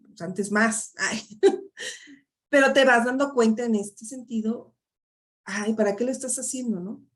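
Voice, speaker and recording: A middle-aged woman leads a live online coaching session. Her voice sits a little high for a woman, and she keeps checking in with her listeners through frequent little tag questions. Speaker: life coach. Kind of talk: live online workshop talk.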